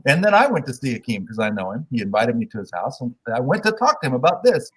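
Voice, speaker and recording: A man guesting on a sports podcast, telling opinionated stories in a casual, animated way. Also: mid-range voice, fast talker, husky, poor audio.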